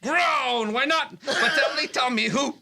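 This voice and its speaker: A reader playing a peacemaking young male cousin in an amateur script reading, lively and laughing into lines. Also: sits high, measured pace, gravelly, very noisy. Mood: coaxing.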